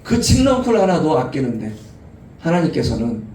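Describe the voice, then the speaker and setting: Middle-aged man preaching, high voice, lively storytelling, echoey hall, heard from a distance. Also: moderate pace, a little hiss or hum. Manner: animated, acts out quoted voices with laughter. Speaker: pastor. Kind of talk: sermon at a youth retreat. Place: church retreat hall. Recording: roomy hall, distant mic, faint ambience.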